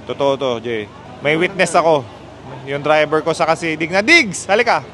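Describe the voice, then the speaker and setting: A man hosting a casual outdoor chat, telling a story in an animated, chatty way. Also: a little high, normal speed, crowd noise. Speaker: motorcycle club host.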